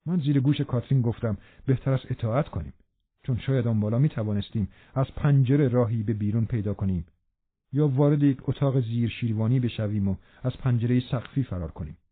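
A man reading a novel aloud as a narrator, in a steady, measured way. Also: medium pitch, slightly rough, no room sound. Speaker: audiobook narrator. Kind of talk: scripted narration. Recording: narrow phone-like band.

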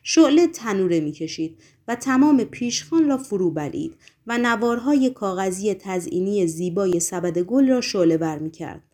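A woman reading a novel aloud as narrator, measured and expressive. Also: medium pitch. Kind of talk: audiobook narration.

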